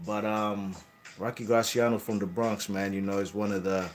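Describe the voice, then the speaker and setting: A man with a fairly low voice talks boxing history off the cuff. He rambles, corrects himself mid-sentence and keeps tagging his lines with "you know what I'm saying". A faint hiss of noise sits under the recording. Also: level tone, normal speed. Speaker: boxing channel host. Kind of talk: casual boxing history talk.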